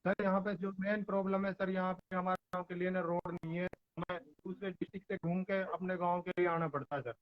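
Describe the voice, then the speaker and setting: A man's voice: sits high, flat delivery, brisk. A man from Palwal district in Haryana, calling in over an online line that keeps cutting out. He speaks hesitantly, stops and restarts, and says "sir" often. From Palwal district, Haryana, India. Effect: heard over an online call line that keeps breaking up. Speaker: caller. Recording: dull, dry call audio.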